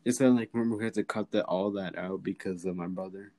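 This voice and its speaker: A man's voice: deep voice, fast, darkish tone, poor audio. A young man co-hosting a casual podcast chat, stammering and swearing as he talks. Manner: stammering, swears, laughs often. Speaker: podcast co-host.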